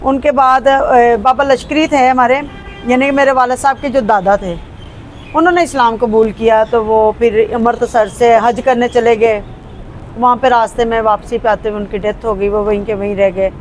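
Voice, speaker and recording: Interview guest: Punjabi-accented woman, unhurried and hesitant, recorded outdoors with faint street noise. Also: fairly high pitch, steady tone. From Pakistan. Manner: hesitant, with frequent fillers and restarts. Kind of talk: casual conversational interview.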